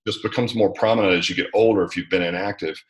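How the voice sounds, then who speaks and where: A middle-aged American man with a deep voice answers questions in an interview. He talks at length in an informal, conversational way, sprinkling in small check-in phrases. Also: fairly even intonation, quick pace. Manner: talkative, informal, peppered with 'right' and 'you know'. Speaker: interview guest, gym franchise founder.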